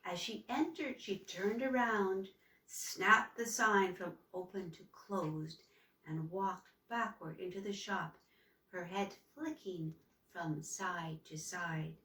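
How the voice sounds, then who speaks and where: Slow, gentle woman reading a children's story. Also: fairly low pitch, fairly even intonation. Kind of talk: reading a children's book aloud. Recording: roomy echo, far from mic.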